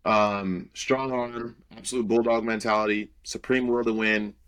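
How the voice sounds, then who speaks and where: A young man with a fairly low voice talks sports in an easygoing podcast chat. He sounds sure of his picks and fills his pauses with plenty of "um"s. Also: fairly even intonation, a bit bright, smooth. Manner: loose and confident, many "um" fillers. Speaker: podcast co-host and college football analyst.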